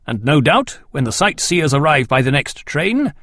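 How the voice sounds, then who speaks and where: A man's voice: fairly high pitch, big pitch swings, normal speed, a bit bright, no echo, clean studio sound. A man doing a curt, impatient detective. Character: brusque, impatient male detective.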